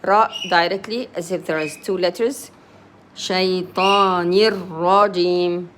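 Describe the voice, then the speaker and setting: Slow woman teaching recitation. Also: on the low side, noisy background. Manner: sounds out each Arabic letter and vowel mark, then explains in simple English. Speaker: Quran reading teacher. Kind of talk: slow letter-by-letter recitation lesson.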